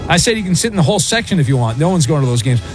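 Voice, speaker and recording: A man hosting late-night sports talk radio with a smooth radio host delivery, joking quickly with callers. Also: fairly high pitch, big pitch swings, soft background music. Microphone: studio microphone.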